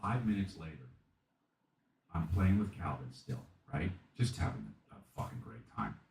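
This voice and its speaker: A man in his thirties telling a comic story in casual, animated and profane style, often acting out voices. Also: sits low, unhurried. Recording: echoey room, distant mic, faint noise.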